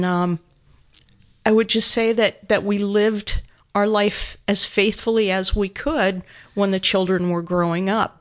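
Earnest middle-aged woman guest. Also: medium pitch. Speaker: studio guest. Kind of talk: personal storytelling. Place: radio studio.

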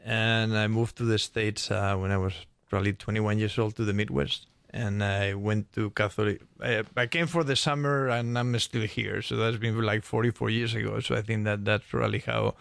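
Older Spanish-accented male radio guest, gravelly, halting, dry close sound. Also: lowish voice, fairly even intonation, fairly bright tone, no echo. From Spain. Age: 60s. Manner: halting, searches for words, many restarts. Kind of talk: casual radio conversation.

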